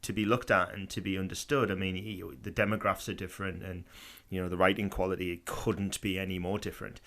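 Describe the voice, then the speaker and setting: Rambling, swearing man with a low voice. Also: level tone, fast talker, a bit bright. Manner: rambling, swears freely, leans on "I mean". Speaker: podcast co-host. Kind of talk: casual podcast chat.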